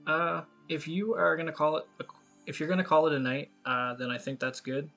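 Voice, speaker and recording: A man's voice: fairly high pitch, level tone, a little fast, vocal fry, a bit bright, soft background music. A man chatting in an easygoing way as a podcast co-host, with lots of fillers. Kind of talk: casual chat about a card game.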